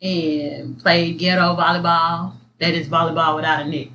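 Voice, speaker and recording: A woman's voice: low-pitched, flat delivery, normal speed, bright, forceful tone, highs cut off, a little hiss or hum. A woman co-hosting a podcast in casual chat, blunt and profane, laughing as she tells stories. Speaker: podcast co-host.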